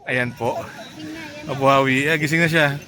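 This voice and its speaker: A man's voice: medium pitch, fairly even intonation, normal speed, bright, forceful tone. A man vlogging casually on a beach at sunset, chatting to the camera and cooing at a baby. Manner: chatty, coos and teases a baby in a lifted voice. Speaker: travel vlogger. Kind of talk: casual vlog narration. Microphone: handheld camera. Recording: outdoor noise from waves and wind. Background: sea and surf noise.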